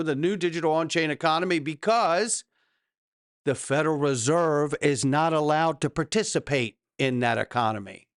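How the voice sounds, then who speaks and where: Smooth, higher-pitched man with crypto bro hype. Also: no echo, studio quality. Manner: emphatic, rhetorical questions to the audience. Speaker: host of a cryptocurrency news show. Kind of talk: hype-driven market commentary to viewers.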